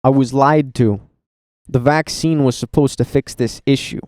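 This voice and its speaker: Profane rambling man, dark smooth voice. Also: mid-range voice, fairly even intonation, measured pace, dry recording, clean studio sound. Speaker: commentary YouTuber. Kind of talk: casual reaction voice-over. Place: voice-over recorded at a computer.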